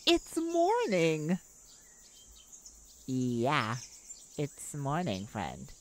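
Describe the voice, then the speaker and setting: A woman plays a chipper, silly, caring roommate and best friend in a comforting audio roleplay, using playful, theatrical phrasing. Her low voice swings hugely in pitch, drawing out words in a heavily acted way. The noisy recording has nature sounds behind her, with birdsong and insects.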